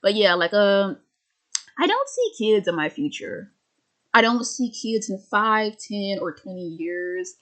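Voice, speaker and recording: Woman, mid-twenties, casual vlog rant, stammering, sardonic, unhurried delivery. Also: mid-range voice, very animated, a bit bright. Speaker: vlogger.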